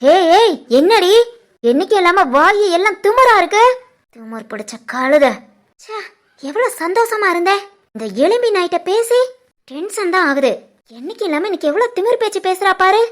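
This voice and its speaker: A woman voicing an arrogant, domineering mother-in-law in an animated family drama, scornful and threatening, with a southern Tirunelveli Tamil accent. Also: extremely high pitch, normal speed. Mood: fuming. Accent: southern Tamil Nadu (Tirunelveli) Tamil. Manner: scornful and threatening, hurls insults.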